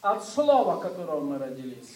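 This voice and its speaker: A male preacher delivers a sermon in short phrases, pausing between them for an interpreter. His voice comes from well away from the microphone. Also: a little high, sing-song, darkish tone, echoey room. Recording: voice from a distance.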